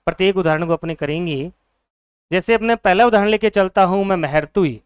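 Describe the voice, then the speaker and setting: A man's voice: high-pitched, fairly quick, smooth, dry recording, studio quality. A man teaching a Hindi grammar lesson for exam students, asking questions and answering them himself, repeating each key word.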